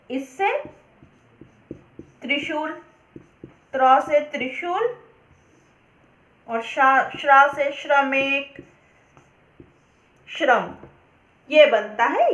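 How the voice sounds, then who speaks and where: A woman teacher explaining a grammar lesson step by step, slowly working through examples. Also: sits high, a bit bright. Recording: echoey, dull lo-fi room recording.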